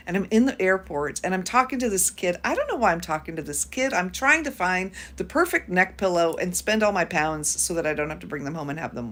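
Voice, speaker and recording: Fifties American woman, livestream host, talkative, lively pitch. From United States. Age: 50s. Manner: chatty, reads out viewer comments. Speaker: YouTube host. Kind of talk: casual livestream chat.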